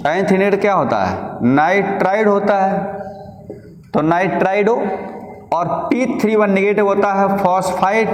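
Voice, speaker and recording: Male chemistry tutor, fairly high voice, quizzes and answers himself, long-reverb room. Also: a little mellow. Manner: repeats key terms as questions and answers them himself; slow, drawn-out dictation when giving notes. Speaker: chemistry teacher. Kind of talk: online chemistry lesson, explaining and dictating notes.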